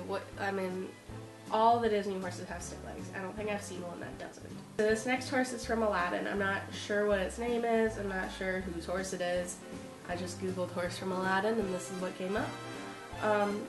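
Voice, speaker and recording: A woman with a stuffy nose from a cold, chatting casually and rambling in a vlog about horses. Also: mid-range voice. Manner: chatty, rambling with frequent ums and likes. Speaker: horse vlogger. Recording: echoey room with music behind. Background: music playing.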